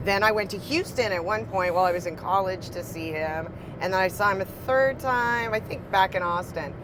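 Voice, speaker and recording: A woman's voice: medium pitch, brisk, background noise. A woman from Texas, a podcast guest, chatting in a gushing way and swearing casually. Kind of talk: casual chat.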